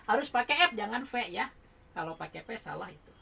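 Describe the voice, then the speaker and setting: A woman teaching Quran recitation rules in a relaxed home lesson, patiently spelling out letters and counting beats aloud. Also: medium pitch, quick pace, creaky, a little hiss or hum, low-quality recording.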